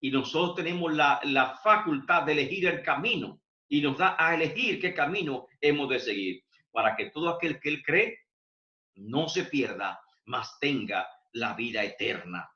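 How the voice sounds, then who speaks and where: A man's voice: on the high side, animated, moderate pace, sharp tone. A male pastor teaching a Bible study, speaking in a teaching manner, often adding "amén" and correcting himself mid-phrase. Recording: echoey room, dull lo-fi sound.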